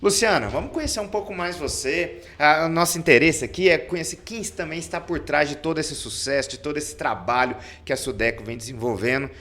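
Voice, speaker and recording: A man's voice: fairly high pitch, brisk, hardly any pauses, fairly bright tone. Upbeat male podcast host. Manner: upbeat announcer-like delivery, reads sponsor list. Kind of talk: podcast interview.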